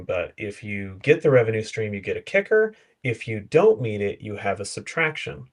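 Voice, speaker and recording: A man speaking as a guest in a casual panel chat over a video call, explaining with concrete examples and quick asides. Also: fairly low pitch. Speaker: guest consultant.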